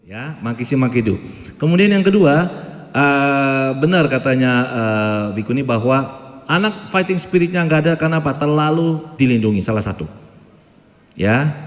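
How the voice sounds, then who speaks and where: A man with an Indonesian accent, moderating a parenting talk with lively, joking anecdotes. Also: medium pitch. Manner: lively, joking, animated storytelling. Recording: hall reverb.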